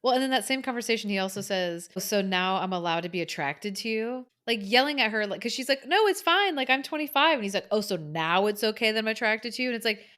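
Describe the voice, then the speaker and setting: Animated woman recapping a movie. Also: medium pitch, quick pace, hardly any pauses. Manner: animated, acts out quotes, swears for emphasis. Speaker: podcast co-host. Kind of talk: casual movie recap chat.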